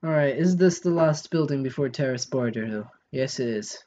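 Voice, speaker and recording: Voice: medium pitch, moderate pace, dark tone, muffled recording. A live streamer giving casual commentary while playing a game, thinking aloud and answering chat.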